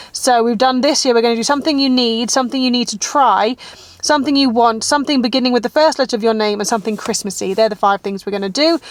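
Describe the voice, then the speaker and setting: A woman, a mum of two, rambling through her day in a casual vlog with lots of "like". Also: on the high side. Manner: rambling, chatty, fillers of "like". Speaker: vlogger mum.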